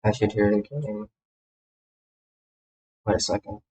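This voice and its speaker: A gamer VTuber livestreams while setting up a game, chatting casually in a fairly low, warm voice with fairly even intonation and a slow pace. He's scattered, cuts himself off and repeats phrases, with slight background noise present.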